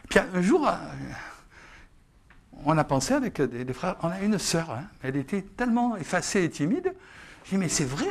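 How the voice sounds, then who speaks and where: A man preaching to a congregation as pastor, talking in a chatty, lively way and often tagging his sentences with "hein?" and a laugh. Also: fairly high pitch. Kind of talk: sermon. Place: church service with a congregation.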